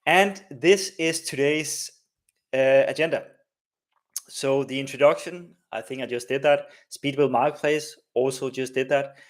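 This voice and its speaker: A man's voice: mid-range voice, fairly even intonation, unhurried. Chatty man hosting a live stream. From Denmark. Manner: chatty, many fillers and tag questions. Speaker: host of a live coding stream. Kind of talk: casual live-stream walkthrough.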